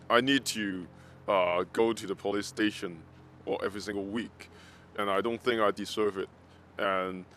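Man with a disguised deep voice. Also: fairly bright tone. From Hong Kong. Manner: halting, searching for words, many restarts and "like" fillers. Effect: voice disguised, pitch-shifted deeper. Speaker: pro-democracy organizer. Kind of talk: interview testimony.

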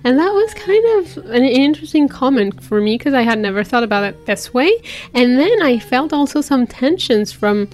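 This interviewee is a teacher from France, a native French speaker who speaks thoughtfully and hunts for the right words in a reflective personal interview. Her voice sits high and is a little mellow, animated, at a moderate pace.

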